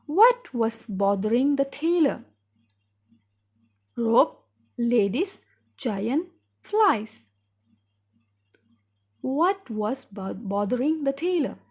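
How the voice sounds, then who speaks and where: High-voiced woman teacher reading aloud. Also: sing-song, drawn-out words, long pauses, darkish tone. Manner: clear, careful read-aloud, guiding pupils step by step. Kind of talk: recorded reading lesson for pupils.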